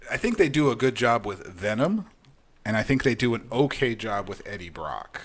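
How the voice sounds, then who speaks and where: A man's voice: lowish voice, sing-song, moderate pace. A man co-hosting a podcast, giving frank, opinionated takes in casual chat with lots of restarts. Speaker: podcast co-host.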